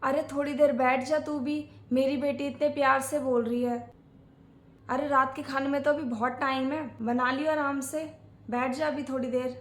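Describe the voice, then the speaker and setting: A brisk, commanding middle-aged mother-in-law who scolds and gives orders, played by a woman. Her voice sits high. The family skit is recorded in an echoey room. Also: flat delivery, a bit bright.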